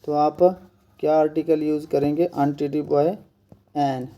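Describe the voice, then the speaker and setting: Dark-voiced man teaching grammar. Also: on the high side, completely flat delivery, lo-fi sound. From India. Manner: asks questions and answers them himself; repeats each point slowly. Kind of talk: exam-prep grammar lesson.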